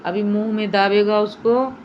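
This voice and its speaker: A woman filming her pet dog, mixing cooing baby talk with sharp high commands. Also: fairly even intonation, normal speed, highs cut off, slight background noise. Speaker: dog owner. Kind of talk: casual pet vlog.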